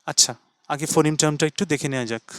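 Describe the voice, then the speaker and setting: A man teaching English pronunciation, mixing explanation with English words, spelling words letter by letter and repeating them slowly. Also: fairly high pitch, a bit bright, no echo. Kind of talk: slow spoken lesson.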